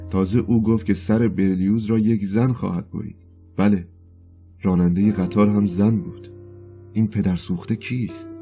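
A man reading a novel aloud in measured, scripted audiobook narration. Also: low-pitched, dark tone.

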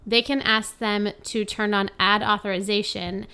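Casting note: woman co-host, upbeat casual chatter, mid pitch. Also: fairly even intonation, moderate pace, pushed and bright, clear, resonant tone. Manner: chatty, upbeat, uses "like" often. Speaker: podcast co-host. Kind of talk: casual podcast chat.

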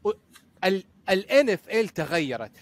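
A man, co-hosting a sports podcast, arguing excitedly and restarting his sentences. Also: high voice, a little fast, no room sound. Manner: excitable, argumentative, trails off and restarts. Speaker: podcast co-host. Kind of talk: heated casual sports debate.

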